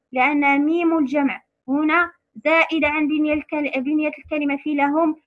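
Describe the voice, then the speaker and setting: A woman teaching a lesson on recitation rules to other women, patiently repeating key terms slowly. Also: high-pitched, narrow, tinny audio.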